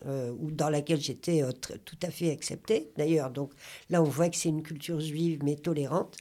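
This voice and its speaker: A woman's voice: deep voice, fairly even intonation, moderate pace, dark tone. A woman from Corrèze in France, a radio guest recounting a memory earnestly. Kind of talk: conversational radio talk.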